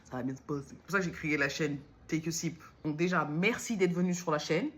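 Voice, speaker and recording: A woman's voice: sits low, brisk, faint music behind. A woman from Lyon talking casually to camera as a vlogger and new entrepreneur, rambling and self-mocking as she jumps between topics. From Lyon, France. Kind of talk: casual direct-to-camera talk.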